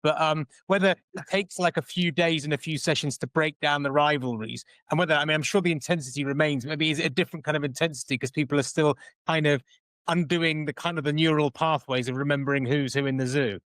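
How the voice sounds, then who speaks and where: Male host, slightly high voice, long rambling questions, dry close sound. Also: steady tone, quick pace, fairly bright tone, no echo. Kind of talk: interview questions.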